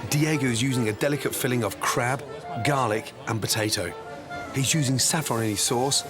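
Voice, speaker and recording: A man's voice: medium pitch, moderate pace. British male cookery narrator over music.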